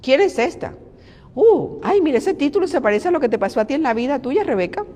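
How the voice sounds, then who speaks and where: A woman voicing a catty, nosy gossiping woman who sneers with shrill, exaggerated exclamations, heard with a long hall reverb. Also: big pitch swings, brisk, warm tone. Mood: mocking.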